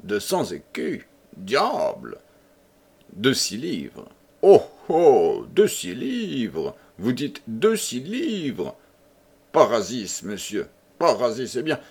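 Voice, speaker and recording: A man's voice: fairly low pitch, sing-song, slow pace, creaky, breathy edge, full character voice. A man voicing a carefree, mocking young chevalier with swaggering, ironic banter, in an audiobook. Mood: amazed. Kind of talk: audiobook character voice.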